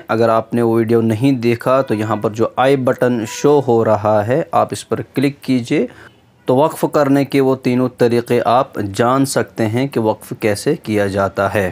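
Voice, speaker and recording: A man teaching a lesson on Quran recitation, explaining step by step in a measured, patient way and chanting verses slowly. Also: medium pitch.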